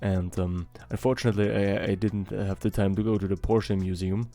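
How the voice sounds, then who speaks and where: In a low, mellow voice, a man who vlogs about art rambles casually through a voice-over while drawing. He's from Austria with German as his first language, speaking a little fast in a steady tone with vocal fry, chatty and self-deprecating.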